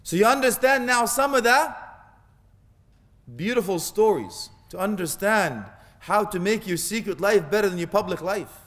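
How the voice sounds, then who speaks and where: High-voiced, animated male preacher in a hall. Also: normal speed. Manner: humorous, acts out scenes with mock dialogue and Arabic phrases. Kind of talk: animated Islamic sermon.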